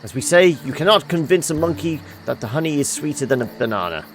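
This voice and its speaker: A man reading game dialogue aloud as an earnest, courtly admirer who flatters with old sayings. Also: on the high side, fast, voice pushed up. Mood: admiring. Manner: flattering, proverb-quoting. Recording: music behind the voice.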